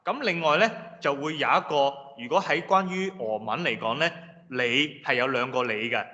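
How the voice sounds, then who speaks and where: A man lecturing a class in a patient, explanatory way, slowly repeating example words. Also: medium pitch, animated, bright, forceful tone. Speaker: language lecturer. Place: lecture room. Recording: reverberant hall, dull lo-fi sound.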